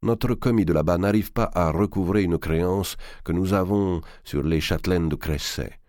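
A man reading aloud, voicing an old, cunning banker who speaks slowly and in a measured way. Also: low voice, darkish tone, no echo, clean studio sound, close to an everyday voice. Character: old cunning male banker, tender with his nephew.

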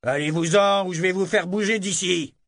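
A man's voice: high voice, normal speed, a bit bright, dry recording, clean studio sound, pitched above the performer's own voice. A man voicing a petty, tyrannical ship's lieutenant who barks authoritative orders from the deck. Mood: barking.

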